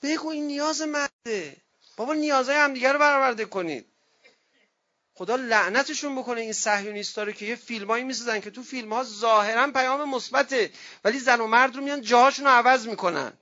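A man's voice: extremely high pitch, highs cut off. A man, a cleric, giving a conversational sermon on marriage, telling anecdotes and acting out the voices of the people in them. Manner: lively storyteller who acts out quoted voices.

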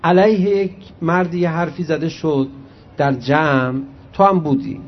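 A man preaching a religious sermon, reciting Arabic hadith slowly and then explaining them conversationally to his audience. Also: fairly high pitch. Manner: animated storyteller addressing the audience directly. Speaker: cleric preacher. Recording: muffled lo-fi recording.

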